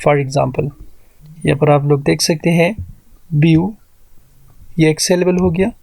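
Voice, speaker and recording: A man teaching an English grammar lesson, explaining rules slowly and spelling words out syllable by syllable. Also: on the high side, steady tone, gravelly, darkish tone, no echo. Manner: mixes Hindi-Urdu explanation with read-out English rules.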